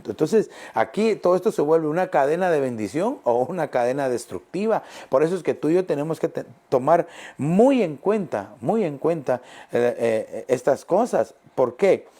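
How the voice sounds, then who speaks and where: Emphatic male pastor, fairly high voice. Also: animated, dark tone. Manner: emphatic, repeats phrases, slows on key words. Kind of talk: sermon.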